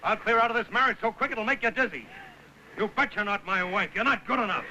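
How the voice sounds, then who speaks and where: An actor playing a blunt, scornful husband just out of prison, in an early talkie film. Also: male voice, sits high, quick pace, sharp tone, lo-fi sound. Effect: early talkie film soundtrack. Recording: hissy early sound film.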